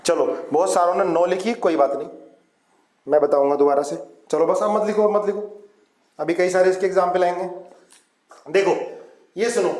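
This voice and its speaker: A man teaching a chemistry class in Hindi mixed with English terms, who calls his students "beta" and repeats key terms slowly. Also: high voice, darkish tone, heavy reverb. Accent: Hindi-English mix. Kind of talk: online class lecture.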